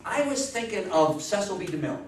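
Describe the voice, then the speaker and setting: A man in his sixties, a lecturer, speaks to a seated audience in an indoor meeting room, animated, enthusiastic and exclamatory, with raised pitch and a fairly quick pace. The informal talk is caught by a distant camera mic, so the room echoes and crowd noise comes through.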